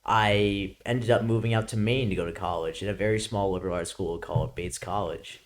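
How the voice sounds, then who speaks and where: A man's voice: lowish voice, steady tone, fairly quick. A young man with a New York accent, a student guest chatting casually and leaning on "like" a lot. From Brooklyn, New York. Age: young adult. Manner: laid-back, peppers speech with "like", laughs often. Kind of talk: casual chat.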